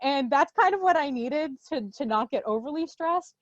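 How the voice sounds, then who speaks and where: A woman with a slightly high voice gushes about the show. The call audio is dull and dry, with no room sound. She talks quickly and is full of emotion. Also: expressive, dry recording. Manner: quick, gushing, emotional, many fillers. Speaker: exhibiting artist. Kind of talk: casual heartfelt remarks on a video call. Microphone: video call.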